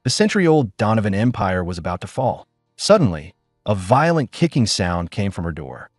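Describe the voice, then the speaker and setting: A man's voice: on the low side, very animated, normal speed, no room sound, clean studio sound, soft background music. A man narrating a dramatic story in a scripted, storytelling reading.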